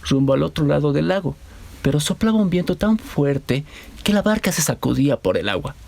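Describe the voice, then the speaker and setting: A man narrating a children's Bible story in a measured storytelling voice. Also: fairly high pitch, big pitch swings, gravelly, a little mellow, dry recording.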